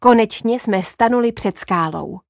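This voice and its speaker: A woman narrating a first-person story in a lively, expressive way. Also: fairly high pitch, gravelly, no room sound, clean studio sound.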